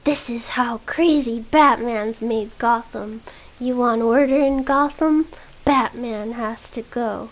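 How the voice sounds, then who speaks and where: A woman's voice: a little high, takes it slowly, poor audio. A woman whispering the lines of a menacing male villain in a whispered role-play reading. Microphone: close ASMR microphone.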